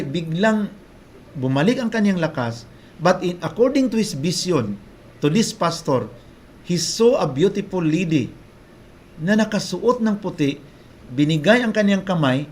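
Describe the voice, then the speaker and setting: A man's voice: high voice, animated. Earnest man preaching a testimony. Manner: earnest storytelling with halting restarts.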